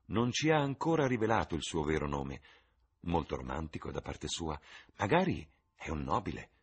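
A man voicing a vain, theatrical middle-aged mother in an audiobook, husky and fussy. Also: a bass voice, sing-song, moderate pace, exaggerated voice. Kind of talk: audiobook reading.

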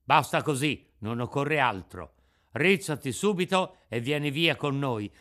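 A man's voice: medium pitch, expressive, measured pace, sharp tone. A man voicing stern military policemen who give curt, commanding orders in a dramatic radio reading.

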